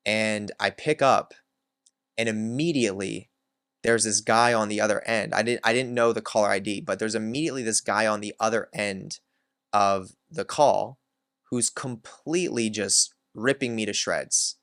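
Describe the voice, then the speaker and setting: A man's voice: on the low side, normal speed, fairly bright tone, dry recording, studio quality. A man hosting his own channel, candidly telling a personal story in a reflective way, with many filler words. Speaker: self-help channel host.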